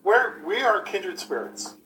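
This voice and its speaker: A man in his late thirties, a podcast guest and improv performer, tells a story in a rambling, halting, self-mocking way, his voice tinny as if he were inside a metal can. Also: high-pitched, sing-song, sharp tone, echoey room. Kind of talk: casual chat, storytelling. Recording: hollow, distant remote call with faint hiss.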